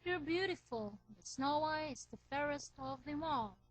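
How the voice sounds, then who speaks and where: A woman's voice: high voice, expressive, unhurried, no room sound, soft background music, pitched above the performer's own voice, rough recording. A woman voicing a solemn, truthful magic mirror in a storybook reading, declaiming its answers.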